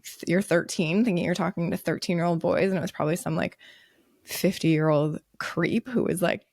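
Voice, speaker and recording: A woman in her late thirties co-hosting a podcast, chatting casually with lots of fillers and quick laughs. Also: on the low side, fairly even intonation, darkish tone, dry recording, clean studio sound. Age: 30s. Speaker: podcast co-host. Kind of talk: casual chat.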